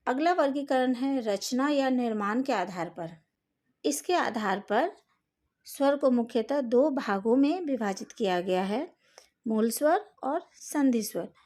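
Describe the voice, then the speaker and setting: Slow, high-voiced woman teacher. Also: lively intonation, a little mellow. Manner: careful, slow, spells out each vowel sound; speaks to students directly, asks them to fix slides. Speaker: Hindi teacher. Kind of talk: recorded online lesson.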